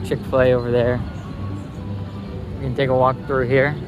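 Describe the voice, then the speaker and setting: This theme-park vlogger speaks at a moderate pace in a mid-range voice that barely shifts in pitch, giving laid-back walk-through commentary to his phone camera. Music plays behind him in the outdoor recording, and the high frequencies are cut off.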